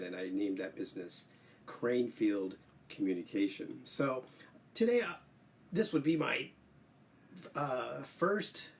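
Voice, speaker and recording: A man hosting a casual solo livestream as an English teacher, explaining slowly with many "uh" fillers. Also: medium pitch, creaky, recorded from a distance, a little hiss or hum.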